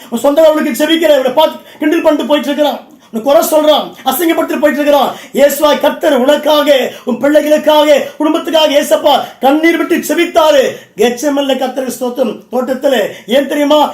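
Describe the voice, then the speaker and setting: A bishop preaching a Pentecostal sermon with a very high, ringing voice. He drives his points home in short, repeated bursts and keeps calling out to the congregation. His voice bounces around a reverberant church hall. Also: steady tone, fairly quick.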